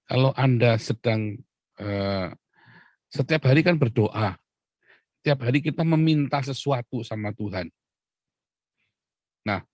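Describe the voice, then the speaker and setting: A man preaching a conversational devotional sermon, often asking his listeners questions, clearing his throat and chuckling. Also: mid-range voice, darkish tone, dry recording.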